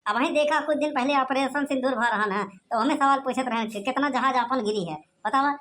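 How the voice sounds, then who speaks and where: A woman voicing a hot-tempered rustic male farmer who scolds in rough village talk with an Awadhi accent. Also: high voice, a little fast, a bit bright, slight background noise. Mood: furious.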